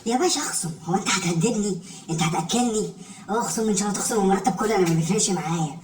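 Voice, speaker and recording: Rapid-fire grumbling Egyptian man, echoey. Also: sits high, darkish tone. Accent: Egyptian Arabic. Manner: exasperated grumbling, rapid complaints. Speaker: office employee in a comedy sketch. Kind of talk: comic sketch acting. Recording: echoey room, distant mic, background noise.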